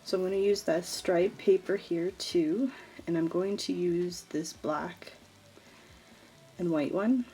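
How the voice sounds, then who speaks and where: A scrapbooking vlogger, stuffed up and nasal from allergies, chats casually through a craft tutorial, rambling with fillers and little laughs. Her voice is lowish and dark, steady in tone and slow, with faint music behind and poor audio quality.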